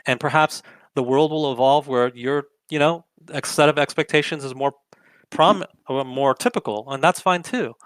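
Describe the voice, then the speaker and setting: A young man hosting a political commentary show pushes his opinions hard, leaning on rhetorical questions. He speaks at normal speed in a medium-pitched voice, captured in a dry recording.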